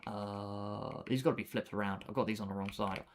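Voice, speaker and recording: A man's voice: fairly low pitch, fairly even intonation, fairly quick, a little hiss or hum. Laid-back young man streaming. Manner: laid-back, chatty, laughs often, trails off with fillers. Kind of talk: casual live-stream chat while gaming. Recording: faint keyboard clicks behind.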